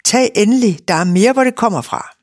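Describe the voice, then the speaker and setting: A woman reading aloud and voicing a big, brisk, middle-aged farm wife who talks a lot and gives orders, in a dry recording. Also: mid-range voice, expressive, darkish tone, no echo, close to an everyday voice. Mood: bossy. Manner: bossy and chatty.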